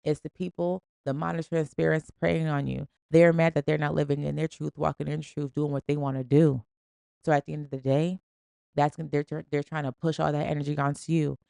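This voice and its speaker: A woman's voice: sits low, flat delivery, a little fast, creaky, a little mellow, smooth, dry recording, studio quality. A woman hosting a podcast, giving an emphatic, slangy, preachy motivational talk in a casual style. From Springfield. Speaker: podcast host.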